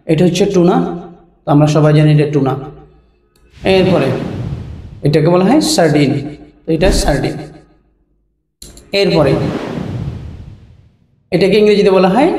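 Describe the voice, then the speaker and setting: A man from Bangladesh teaches vocabulary in a relaxed, chatty way, saying each term and then repeating it slowly, word by word. His voice sits high. He sounds set back from the mic in a roomy, echoing space, with faint noise underneath. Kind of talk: casual teaching, naming and repeating words. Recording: roomy echo, voice heard from a distance, faint noise.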